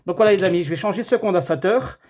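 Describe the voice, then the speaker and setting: Chatty husky man explaining a repair. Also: sits high, fast, darkish tone. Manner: chatty, talks to viewers as friends, thinks aloud while measuring. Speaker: TV repair technician. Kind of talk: casual hands-on repair tutorial.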